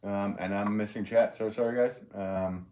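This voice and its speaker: A man's voice: lowish voice, steady tone, moderate pace, a little mellow, slight background noise. An American man hosting a casual livestream as a potter, rambling and chatty as he works and reads out comments. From United States. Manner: rambling, chatty, talking to himself while working.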